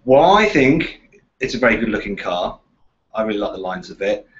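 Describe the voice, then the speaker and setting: A man's voice: on the low side, sing-song, moderate pace, a bit bright. A British man presenting a casual car question-and-answer chat in a chatty, bantering way. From Walsall, West Midlands of England. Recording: slightly dull, lo-fi sound.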